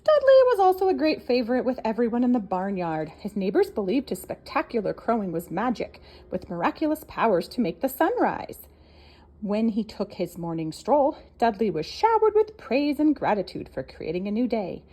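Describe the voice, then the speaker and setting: A woman reading a children's picture book aloud, expressive and animated. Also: moderate pace. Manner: expressive, with wide swings in pitch. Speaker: storybook reader.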